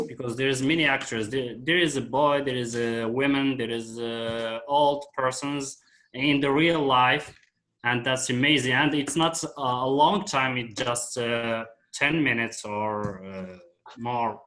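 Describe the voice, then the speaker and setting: A man with a Moroccan accent chatting casually on a group live stream in hesitant non-native English, pausing often to search for words. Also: mid-range voice, a bit bright, poor audio. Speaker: participant in an online English-practice meeting. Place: online group call.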